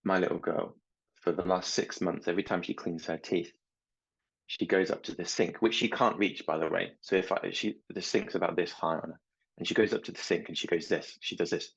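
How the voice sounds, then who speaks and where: A low-voiced middle-aged man with a husky edge, speaking as a mindset coach. He talks in a slow, gentle, reflective way, and the recording sounds slightly dull. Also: steady tone. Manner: slow, gentle and reflective, with anecdotes about his children. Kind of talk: reflective talk to camera.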